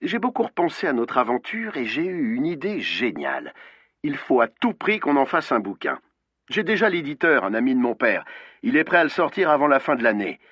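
A man's voice: medium pitch, sing-song, a little fast, a bit bright, breathy edge, no echo, highs cut off, voice pushed up. A man voicing an eager, cheeky young male journalist on the phone.

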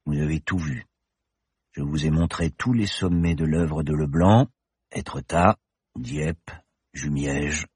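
A man doing a calm, weary old professor. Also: breathy edge, no room sound, clean studio sound, exaggerated voice. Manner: calm, measured, lowered voice. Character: older male professor, calm, a bit weary. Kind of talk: audiobook character voice.

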